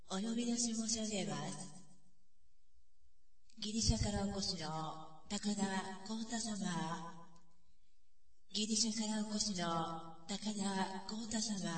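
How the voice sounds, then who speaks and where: A woman's voice: medium pitch, lightly acted. Woman acting as echoey, courteous department store announcer. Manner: formal, courteous, measured announcer delivery. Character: polite female department store announcer paging a customer. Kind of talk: scripted department store public-address announcement. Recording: roomy echo, distant from mic.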